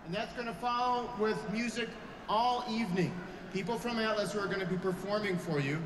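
A man's voice: high-pitched, fairly quick, background noise. A man hosting an event, announcing to the audience in an upbeat, crowd-directing manner. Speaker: event host. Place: large event hall. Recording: distant echoey hall with loud crowd.

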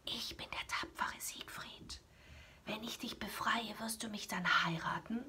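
A woman's voice: on the low side, very animated, a little slow, a little hiss or hum. Woman doing a bold young dragon-slaying hero. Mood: whispering.

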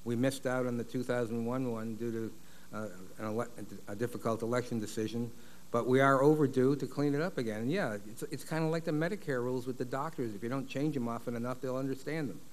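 A man's voice: mid-range voice, fairly even intonation, slight background noise. An older man testifying as an expert witness, blunt and confident, on a desk mic in a large paneled hearing room. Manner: blunt, confident, drawn-out fillers. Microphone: desk microphone.

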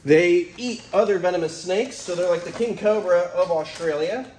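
A young adult snake keeper hosting a casual wildlife vlog has a high voice with a darkish tone and talks at normal speed, playful and enthusiastic. He records in an indoor reptile room whose hard concrete floor creates echo, with a little hiss or hum present.

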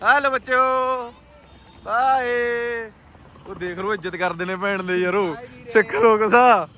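A man's voice: high voice, steady tone, moderate pace, a bit bright. A man with a Punjabi accent hosting a casual vlog, teasing his friends in colloquial banter and peppering them with questions. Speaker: vlog host.

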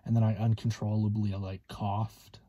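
Dark-voiced, halting young man. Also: lowish voice, little pitch movement, breathy edge. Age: 20s. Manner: hesitant, halting with long pauses. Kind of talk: casual vlog monologue. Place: inside a parked car.

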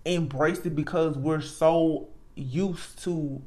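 A tarot reader talking casually and reflectively, earnest and emphatic, often halting and repeating words. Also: mid-range voice, steady tone, dark tone. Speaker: tarot reader, channel host.

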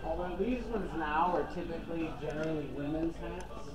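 A man's voice: on the high side, normal speed, crowd noise, poor audio. A man working as a hat store salesperson, explaining hats in casual chat with lots of fillers, recorded inside a big western wear store. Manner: chatty, explains with many fillers. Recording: store music playing behind.

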